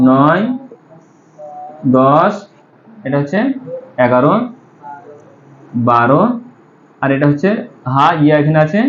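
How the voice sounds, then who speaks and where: A man's voice: on the high side, a bit bright. A man teaching an Arabic grammar class. He explains step by step, asks the students questions and answers them himself, with hesitant fillers while he thinks. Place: madrasa classroom. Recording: echoey room, dull lo-fi sound.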